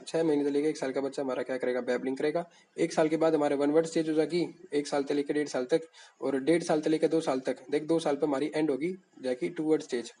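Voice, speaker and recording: A man's voice: a little high, mellow, poor audio. Casual man revising notes. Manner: casual, rambling, repeats key terms. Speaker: teacher. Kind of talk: exam revision lecture.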